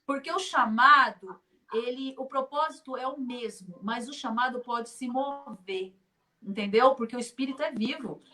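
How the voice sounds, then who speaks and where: Speaking at an online conference, a middle-aged woman from Brazil who works in children's ministry tells stories with plenty of laughter, performing the dialogue she quotes. She has a fairly high voice and a moderate pace.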